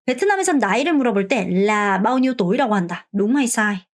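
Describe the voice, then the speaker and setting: A woman teaching an online Vietnamese lesson, explaining step by step and saying example phrases slowly. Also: medium pitch, lively intonation.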